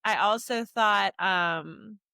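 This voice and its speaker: A woman's voice: mid-range voice, slow pace, creaky, pushed and bright, smooth, dry recording, studio quality. Chatty young woman telling stories. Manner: chatty storyteller, lots of "like". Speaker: podcast co-host. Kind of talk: casual chat.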